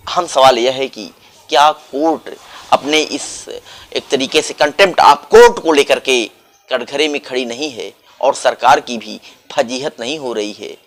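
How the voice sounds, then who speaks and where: A man's voice: medium pitch, fairly bright tone. A man delivering political news commentary, asking pointed rhetorical questions and leaning hard on stressed words.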